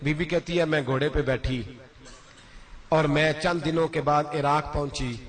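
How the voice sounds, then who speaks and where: A man's voice: on the high side, fairly even intonation. A male preacher telling a story in a sermon, passionate and climbing sharply at emotional points.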